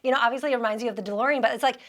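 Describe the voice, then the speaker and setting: A woman hosting a casual car chat, enthusiastic and quick to laugh. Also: on the high side, a bit bright. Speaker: show host.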